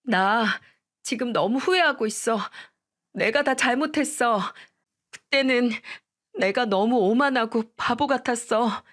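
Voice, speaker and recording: A woman's voice: fairly high pitch, a little slow, fairly bright tone, voice pushed up. A woman voicing a remorseful ex-wife who pleads through tears, in a read-aloud radio story. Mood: pleading, tearful. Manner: pleading, tearful. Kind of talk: storytelling radio drama reading.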